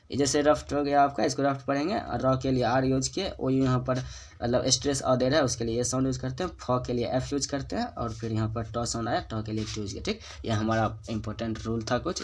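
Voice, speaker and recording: A man's voice: mid-range voice, fairly bright tone, a little hiss or hum. Hindi-accented man teaching phonetics. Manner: repeats each example word and checks in with "ठीक ना". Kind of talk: whiteboard lesson explaining rules.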